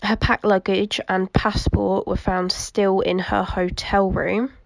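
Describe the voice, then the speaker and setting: A young British woman casually talks through a true crime story while colouring, her medium-pitched, level voice gravelly with vocal fry as she recovers from the flu. She speaks softly and unhurriedly, with frequent ums. The recording is close and dry, with no room echo.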